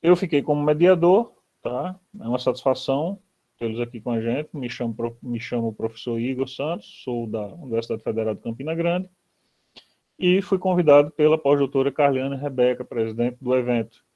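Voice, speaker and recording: A man's voice: medium pitch, normal speed, mellow. A man with a Brazilian accent moderating an online academic interview, hesitant with many fillers. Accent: Brazilian Portuguese. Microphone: video call. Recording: dull lo-fi video call audio.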